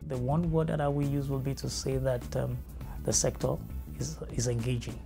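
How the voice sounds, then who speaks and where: Gravelly Nigerian man, earnest. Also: mid-range voice, little pitch movement, music in the background. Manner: measured, earnest, thoughtful with fillers. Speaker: family educator. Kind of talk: interview answers. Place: studio with dark backdrop.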